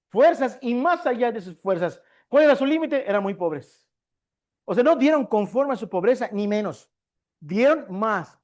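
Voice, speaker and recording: A man's voice: sits high, a little mellow. A man preaching a sermon as pastor of a discipleship class, often asking his listeners rhetorical questions and answering them himself. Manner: asks the congregation frequent rhetorical questions.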